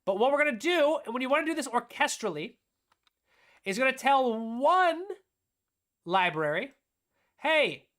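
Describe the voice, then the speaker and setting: A woman's voice: high voice, big pitch swings, moderate pace, pauses often, a bit bright. A woman teaching music production on a live stream, explaining her steps aloud as she demonstrates and answering her own questions.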